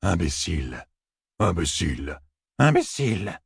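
A man voicing eerie fox-like strangers who speak in low, cold murmurs, read close and dry. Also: very animated, measured pace, gravelly, breathy edge, no echo, heavily acted. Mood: cryptic cold.

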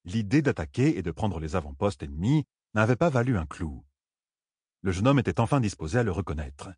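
Deep-voiced man narrating an audiobook. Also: very animated, a little fast, darkish tone, slightly rough, no room sound, studio quality.

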